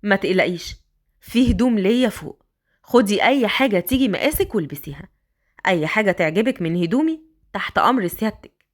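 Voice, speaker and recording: A woman with an Egyptian accent voicing a smitten older rich man who coaxes in slow, drawn-out lines. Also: medium pitch, expressive, voice pushed down, lightly acted. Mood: coaxing. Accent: Egyptian Arabic.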